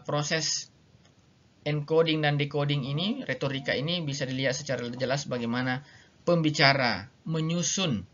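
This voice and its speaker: Man, lecturer, mid-pitched voice, slow explanations, lots of fillers, somewhat dull lo-fi audio. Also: sharp tone. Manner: explains slowly with many fillers and repetitions; reads English examples aloud then explains them. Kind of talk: recorded online lecture.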